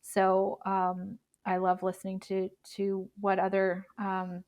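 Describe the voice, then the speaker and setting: A Canadian woman in her thirties, a bagpiper chatting as an interview guest, halting with many restarts. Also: medium pitch, monotone, darkish tone. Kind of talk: casual interview chat.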